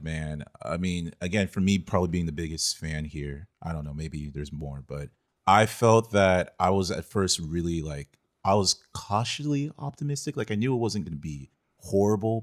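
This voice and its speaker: A podcast co-host with a low-pitched voice chats casually and conversationally about films at normal speed.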